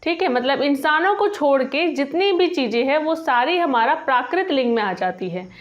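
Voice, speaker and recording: A woman teaching a spoken grammar lesson, patiently repeating each example and slowing down on the example phrases. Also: high-pitched, lively intonation, muffled recording. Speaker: language teacher.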